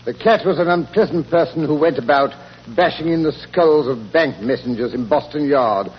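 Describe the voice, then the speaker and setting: A man plays a genial English doctor of older years, telling tales in a slightly high voice. He is fussy and easily indignant. The sound is a dull, faintly noisy 1940s radio drama. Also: moderate pace, close to an everyday voice. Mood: genial storytelling. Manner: avuncular, fussy, indignant when teased. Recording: muffled, noisy old 1940s radio recording.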